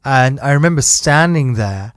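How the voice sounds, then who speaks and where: A man's voice: mid-range voice, animated, normal speed, clean tone, dry recording, studio quality. A man in his thirties chatting casually, laughing often and restarting his sentences. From United Kingdom. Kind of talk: casual conversation.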